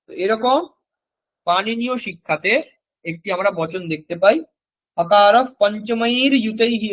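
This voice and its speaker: A man, teaching a recorded language class. He explains step by step and repeats example words slowly so students can copy them. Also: high-pitched, fairly bright tone.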